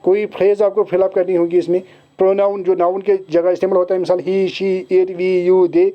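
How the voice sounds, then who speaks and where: High-voiced Kashmiri teacher, lo-fi sound. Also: male voice, flat delivery. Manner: switches into slow, deliberate English. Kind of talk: explaining an exam syllabus to students. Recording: dull lo-fi recording.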